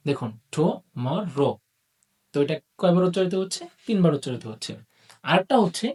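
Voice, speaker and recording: An English teacher giving an online video lesson, posing questions to the class and answering them, and drawing out example words slowly. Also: mid-range voice, a little mellow, far from the mic. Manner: drawls target words slowly.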